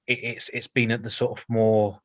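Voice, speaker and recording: A man's voice: lowish voice, little pitch movement, moderate pace, a bit bright, dry recording, lo-fi sound. A male councillor speaking in a council committee meeting, hesitant, often repeating words, with light humour.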